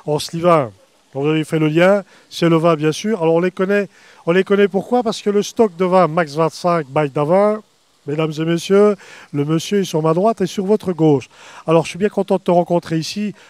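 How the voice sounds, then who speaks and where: A man's voice: fairly high pitch, moderate pace, darkish tone, clear, resonant tone, no room sound. A middle-aged man hosting interviews at an evening reception, chatty and upbeat, talking into a handheld microphone outdoors. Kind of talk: event interview.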